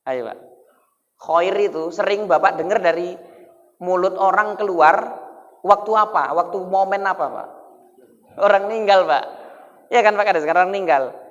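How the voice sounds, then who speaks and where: A man's voice: high voice, a bit bright. A man giving a humorous sermon, joking and quizzing the congregation, heard in an echoey hall on a dull lo-fi recording. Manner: jokey, keeps asking the crowd questions. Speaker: Islamic preacher.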